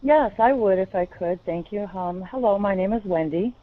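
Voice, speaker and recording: A woman asking a question as a participant, speaking politely and earnestly in a measured way. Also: mid-range voice. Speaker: audience member asking a question. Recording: thin phone-like lo-fi audio.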